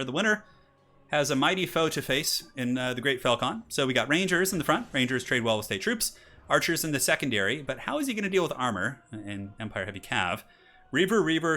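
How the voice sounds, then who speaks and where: His voice sits on the high side, bright and forceful. Hosting a live stream in his thirties, this caster chats casually, reads out donations with frequent laughter, and then calls a strategy game match, opening with hyped introductions.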